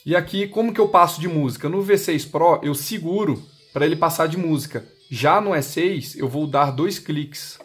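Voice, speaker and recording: At a moderate pace with hardly any pauses, a man with a somewhat high voice and a Brazilian Portuguese accent demonstrates an intercom he sells, with faint music behind him. His explanation is unscripted, step by step, and plainly instructional. Noise and clicks come through clearly.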